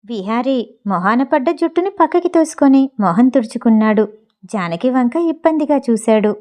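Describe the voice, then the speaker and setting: A woman narrating an audio novel in a steady, even storytelling manner. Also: on the high side.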